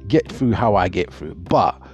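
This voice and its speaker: A middle-aged Jamaican man, a motivational speaker, offers earnest advice in a reflective monologue and often repeats words. His voice is deep and very animated, though his pace stays unhurried. The audio is dull and lo-fi, with faint music underneath.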